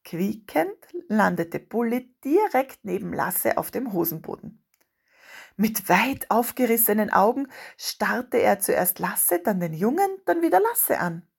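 Husky woman reading a children's story. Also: mid-range voice, a little slow. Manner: steady, expressive reading.

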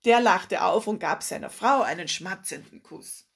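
Husky woman reading a children's story. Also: medium pitch, moderate pace, a bit bright. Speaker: narrator.

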